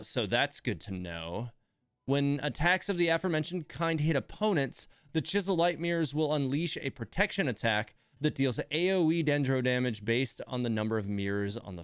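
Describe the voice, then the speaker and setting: On a relaxed gaming livestream, the host reads game details and comments on them as he thinks aloud, adding asides along the way. He has a clean-toned, mid-range voice, and the recording carries no room sound.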